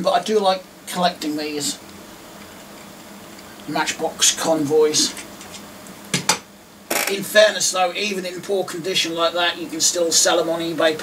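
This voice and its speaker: This high-pitched man is a diecast collector from England, middle-aged, chatting loosely as he works through a box of toy cars at his desk. Self-deprecating asides pepper the talk, and the distant recording is noisy with clicks and clatter.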